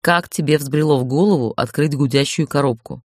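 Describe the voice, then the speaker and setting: An audiobook reader voicing a stern, commanding young man, speaking low and clipped. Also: brisk, no room sound, natural voice. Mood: angry. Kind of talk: audiobook character voice.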